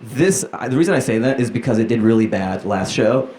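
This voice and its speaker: Animated male stand-up comic in a noisy room. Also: mid-range voice, a little fast. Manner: conversational, self-deprecating, acts out quoted lines. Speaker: stand-up comedian. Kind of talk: stand-up comedy, casual observational bits. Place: live comedy show before an audience. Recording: roomy echo, loud room noise.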